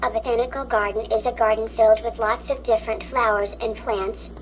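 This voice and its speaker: A woman's voice: on the high side, level tone, fairly quick, a little hiss or hum, low-quality recording. A synthetic woman's voice with a robotic text-to-speech sound, reading children's stories aloud in a stiff, mechanical way. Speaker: story app narrator.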